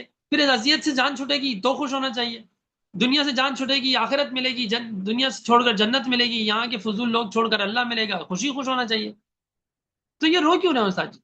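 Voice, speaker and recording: A man's voice: extremely high pitch, sharp tone, highs cut off, a little hiss or hum. A young man teaching a Quran commentary class, telling a story earnestly and putting questions to his students. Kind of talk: religious class lecture, storytelling.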